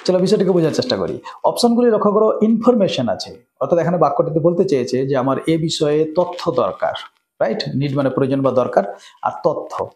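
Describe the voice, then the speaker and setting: A man's voice: fairly high pitch, lively intonation, darkish tone, a little hiss or hum. A man with a Bengali accent teaching English grammar, explaining each rule and often checking with "right?". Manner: asks "right?" often, reads example sentences slowly. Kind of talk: explanatory lesson.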